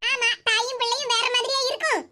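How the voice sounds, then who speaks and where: A woman's voice: extremely high pitch, steady tone, fast. A woman voicing a bitter, self-pitying old village mother in a cartoon who scolds her daughter with sarcasm. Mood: scolding. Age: older. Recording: loud background noise.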